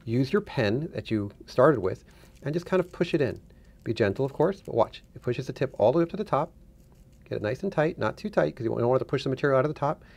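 A man's voice: mid-range voice, lively intonation, fast talker, creaky, a little mellow. A middle-aged man giving a casual hands-on tutorial, instructing step by step and repeating himself for emphasis. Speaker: demonstrator, guest.

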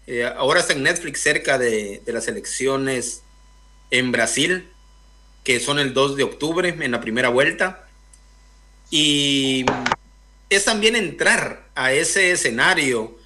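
A young man from Guatemala, a filmmaker guest in a radio interview, speaking thoughtfully with many pauses and fillers over a video call. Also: mid-range voice, lively intonation, bright, forceful tone. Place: indoor room, video call.

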